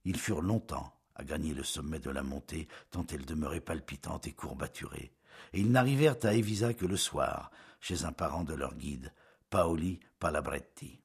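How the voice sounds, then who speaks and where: Brief: male audiobook narrator for a classic novel, steady and measured, low-pitched with a very husky, breathy tone. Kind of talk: scripted literary narration.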